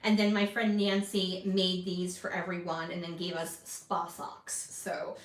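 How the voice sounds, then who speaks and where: A woman's voice: lowish voice, flat delivery, a little slow, distant mic. Chatty crafting vlogger, woman, rambling, self-deprecating, mic set back in an echoey room. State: hiccuping. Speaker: scrapbooking vlogger. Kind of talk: casual chat while crafting.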